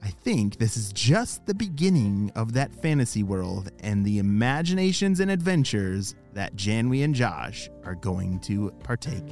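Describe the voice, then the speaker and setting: A kids show host telling stories and addressing young listeners in a playful, exclamatory, animated way. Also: medium pitch, measured pace, few pauses, soft background music. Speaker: kids' show host and storyteller. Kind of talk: animated children's storytelling and kids show hosting.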